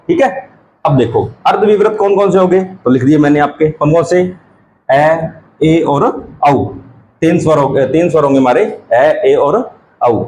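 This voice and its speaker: A male teacher gives an exam-prep grammar lesson, asking questions and answering them himself while repeating key terms slowly. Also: fairly high pitch, darkish tone, a little hiss or hum, poor audio.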